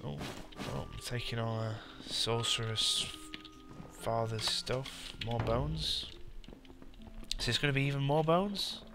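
A man's voice: mid-range voice, fairly even intonation, slow. A British man giving casual gameplay commentary with dry, muttered asides. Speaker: gamer, let's play host. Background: game music.

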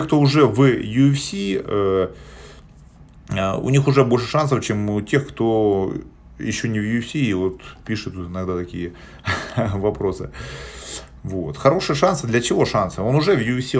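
A man in his forties with a fairly low voice holds a casual live-stream chat from a small indoor room. He answers viewer questions in a blunt, plain-spoken way, with many hesitation sounds, speaking into a phone held at arm's length.

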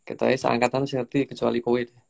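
A young man, hosting a casual interview in a relaxed, joking way. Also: mid-range voice, fast, vocal fry. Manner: relaxed, joking, slips into Javanese slang. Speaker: host.

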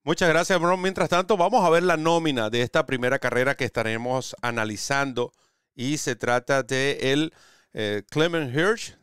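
A man hosting a horse racing analysis show on a video call, wearing a headset, with a lively presenter delivery. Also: medium pitch, clear, resonant tone, dry recording, clean studio sound. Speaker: host.

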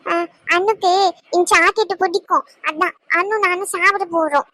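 Lady doing a tiny whiny cartoon boy, super high squeaky voice, talks quick and dry. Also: fairly even intonation, sharp tone, no room sound. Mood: insistent. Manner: insistent, whiny. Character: small pleading boy, grandson. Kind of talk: cartoon voice acting.

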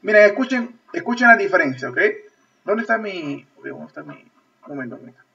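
A Peruvian man with a high, bright voice teaches an online class, repeating himself and checking after nearly every phrase that his students are following. His voice sounds distant from the microphone through thin, lo-fi video-call audio. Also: big pitch swings, a little fast, creaky. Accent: Peruvian Spanish. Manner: repetitive, checks understanding with constant "ok?". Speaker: English teacher.

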